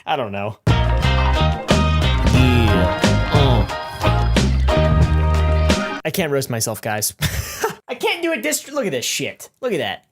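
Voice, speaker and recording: A man's voice: medium pitch, big pitch swings, slow pace, long pauses, over loud music. Goofy young man reading comments. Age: late teens. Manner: goofy and self-mocking, swears, jumps into mock outrage. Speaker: YouTuber reading viewer comments. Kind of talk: casual comment-reading vlog.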